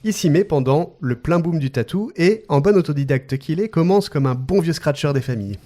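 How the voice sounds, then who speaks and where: A man hosts a podcast and reads a guest introduction. His voice sits a little higher than most men's. He keeps it playful, breaking into laughter and joking asides between the scripted lines. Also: expressive, fairly quick, mellow. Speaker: podcast host.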